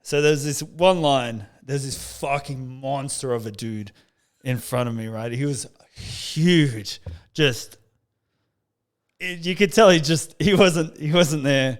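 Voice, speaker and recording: A man's voice: medium pitch, slow pace. A man with an Australian accent hosting a podcast, chatting casually and swearing as he tells stories. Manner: swearing, laughing storyteller. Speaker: podcast host. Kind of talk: casual chat.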